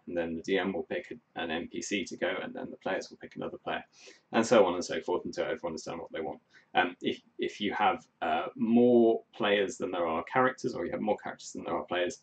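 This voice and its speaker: A man with a fairly low voice walks through game rules, pausing often with ums and uhs. He sounds casual and unscripted. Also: vocal fry. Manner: halting, lots of ums and uhs. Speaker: player explaining rules.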